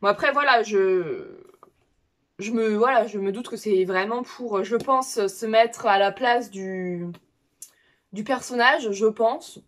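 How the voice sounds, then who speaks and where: A woman's voice: mid-range voice, lively intonation, takes it slowly, a bit bright. A woman book vlogger chatting casually to her viewers, hesitant and full of fillers and restarts.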